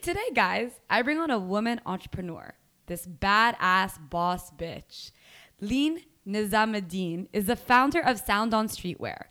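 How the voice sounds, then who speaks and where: A woman's voice: mid-range voice, expressive, unhurried, fairly bright tone. A woman hosting a podcast, chatting casually with a friend in a bubbly, slangy way and laughing often. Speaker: podcast host. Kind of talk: casual chat.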